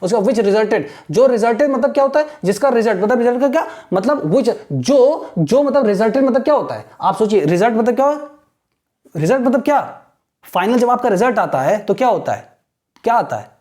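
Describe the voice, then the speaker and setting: Mellow-voiced Indian woman teaching English. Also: fairly high pitch, animated. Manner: slow deliberate reading of English lines, explaining with a repeated "theek hai na". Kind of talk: editorial reading lesson.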